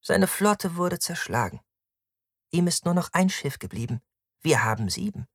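Guy putting on a high sneering warrior woman, cruel and bossy, audiobook read. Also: big pitch swings, moderate pace, slightly rough, no echo, clean studio sound, full character voice. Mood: scornful. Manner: sneering, commanding. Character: cruel impulsive young woman warrior, scornful.

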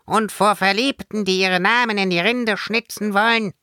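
A man's voice: high voice, fairly even intonation, moderate pace, pushed and bright, smooth, no room sound, clean studio sound, voice pushed up. A man voicing a small fairy girl guarding her tree, sweet and then scolding. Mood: stern. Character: cheerful little fairy girl, turning stern.

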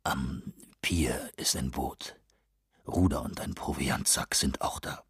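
Gruff soldier, very deep and husky, curt and muttering, put on by a male narrator. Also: slow, a bit bright, no echo, studio quality, heavily acted.

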